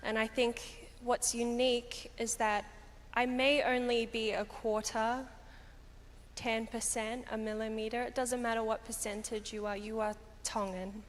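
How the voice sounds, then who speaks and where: A young woman giving a deliberate, emphatic pageant answer on stage. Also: fairly high pitch, little pitch movement. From Australia. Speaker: pageant contestant. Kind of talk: prepared public answer on stage. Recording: long hall reverb, background noise.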